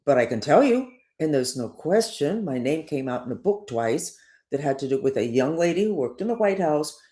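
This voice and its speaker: An older woman who is a spiritual teacher delivers a personal monologue that is digressive and emphatic. Her low voice moves at a normal speed with a lively up-and-down delivery.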